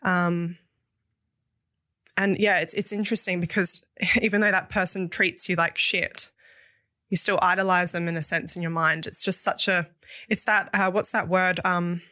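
A woman's voice: lowish voice, fairly even intonation, normal speed, pushed and bright, no room sound, studio quality. A young woman from Western Australia, a business founder speaking frankly and reflectively as an interview guest. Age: young adult. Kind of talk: candid interview talk.

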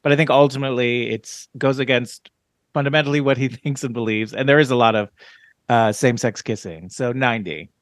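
A man co-hosting a film podcast, giving scores in an easygoing, measured way. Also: medium pitch, dry recording, clean studio sound. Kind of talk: casual chat.

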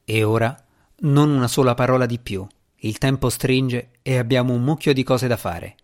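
A man's voice: mid-range voice, normal speed, natural voice. A man voicing a determined, stern young woman in an audiobook, speaking firmly and urgently. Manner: firm, pressing delivery. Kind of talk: audiobook character reading.

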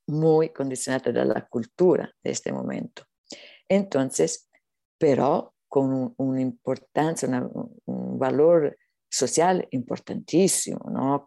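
Creaky-voiced non-native Spanish speaker, searching for words. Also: medium pitch, dark tone, dry recording, clean studio sound. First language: not Spanish. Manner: earnest, halting, searching for words. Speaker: spiritual teacher being interviewed. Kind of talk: unscripted spiritual talk.

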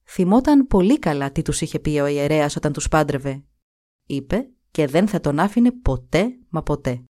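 A woman storyteller reading a fairy tale with an animated delivery. Her voice sits on the low side, and her pitch rises and falls freely to carry the story along.

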